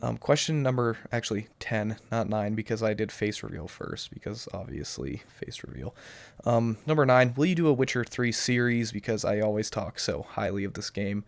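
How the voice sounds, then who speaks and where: A young gaming YouTuber, voice not quite recovered from the flu, does casual Q&A to his cheap webcam. He's rambling and hesitant, full of restarts and ums, speaking at normal speed in a low, creaky voice. No echo is present.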